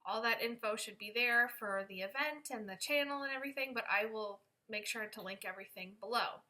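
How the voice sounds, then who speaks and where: A woman's voice: a little high, a little fast, sharp tone. A young woman giving a candid, chatty pregnancy update to camera, tired and a little self-conscious. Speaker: vlogger. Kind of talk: casual pregnancy update vlog.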